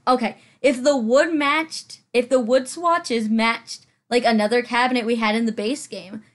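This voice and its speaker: Chatty young-sounding woman rambling. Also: fairly high pitch. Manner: chatty, self-deprecating, many fillers. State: out of breath. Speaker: Sims building channel host. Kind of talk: rambling casual voice-over. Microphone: farther from the mic than usual.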